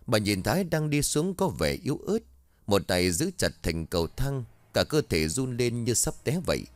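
A man reading a ghost story aloud in an expressive, dramatic way on a close mic. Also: mid-range voice, normal speed, no echo.

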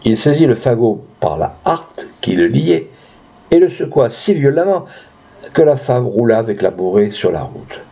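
A man narrating a literary tale in an expressive reading, in a dull lo-fi recording. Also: mid-range voice, moderate pace, husky. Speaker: audiobook reader.

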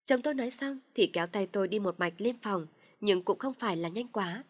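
A woman telling a family story in first person, in a measured, weary storytelling manner. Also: medium pitch.

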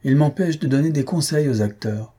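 A man reading aloud and voicing a grumpy, irritable older husband who blusters and shouts sarcastically. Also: a little high, moderate pace, husky, pitched above the performer's own voice. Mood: grumbling.

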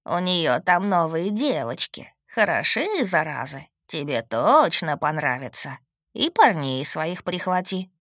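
A woman voicing a short, stocky old male gnome gatekeeper with a creaky voice and a mocking, gruff drawl in an audiobook. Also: deep voice, very animated, a little slow, fairly bright tone, dry recording, studio quality, heavily acted. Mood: sly. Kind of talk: audiobook character voice.

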